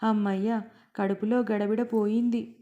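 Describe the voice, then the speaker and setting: A woman's voice: mid-range voice, flat delivery, unhurried, warm tone, muffled recording, close to an everyday voice. Woman doing a sheepish young nephew. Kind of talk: storybook reading.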